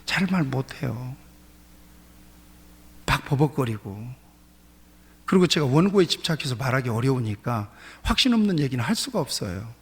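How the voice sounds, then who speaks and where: A man's voice: medium pitch, sing-song, moderate pace, long pauses, breathy edge. A male pastor preaching a sermon in a church sanctuary, emphatic, often repeating his key phrases. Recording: reverberant church hall.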